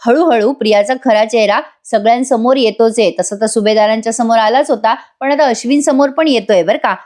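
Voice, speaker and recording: A woman's voice: on the high side, fairly quick, a little mellow. A woman narrating a voice-over recap of a TV serial, chatty and addressing viewers directly. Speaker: TV serial reviewer.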